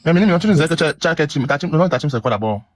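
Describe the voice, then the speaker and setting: A man joining a casual live stream, teasing the host with quick questions. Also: fairly high pitch, lively intonation.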